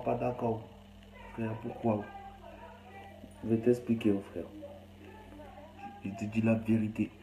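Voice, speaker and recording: A man's voice: on the low side, mellow, echoey room, slight background noise, rough recording. A young man with a Cameroonian accent talks bluntly and rambles in a casual, slangy monologue. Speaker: vlogger.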